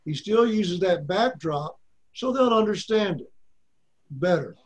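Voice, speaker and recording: High-voiced older man with an Arkansas accent. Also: lively intonation, measured pace. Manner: folksy, repeats points for emphasis. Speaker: Bible teacher. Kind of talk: teaching an online Bible class.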